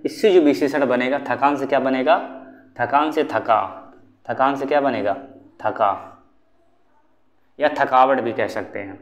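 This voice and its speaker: A young man teaching a grammar lesson for exam preparation, asking questions and repeating the answers as a drill. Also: mid-range voice. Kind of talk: online exam-prep lesson.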